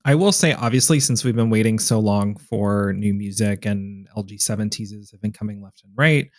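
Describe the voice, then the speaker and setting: A man's voice: fairly low pitch, moderate pace, no echo, clean studio sound. Rambling, enthusiastic podcast man. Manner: enthusiastic, rambling, self-deprecating. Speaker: podcast co-host. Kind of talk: casual podcast chat.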